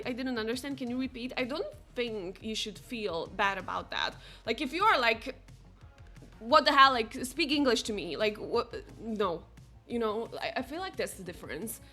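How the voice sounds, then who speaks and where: While playing a game on stream, a young woman with a Slovak accent, who is not a native English speaker, makes chatty small talk with viewers, leaning heavily on "like" and reading chat messages aloud. She sounds a little high, pushed, and bright, with lively intonation at a moderate pace. Game music can be faintly heard.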